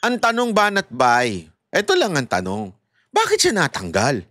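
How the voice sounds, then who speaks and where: A man's voice: on the high side, huge pitch swings, normal speed, a bit bright, dry recording, clean studio sound. A man giving heated, sarcastic political commentary straight to his viewers. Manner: mocking, heated and sarcastic, addressing viewers directly.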